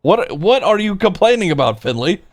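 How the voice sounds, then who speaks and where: A man's voice: sits high, big pitch swings, normal speed. A male streamer roleplaying in a game and chatting with viewers, incredulous and laughing at his friend. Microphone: streaming mic.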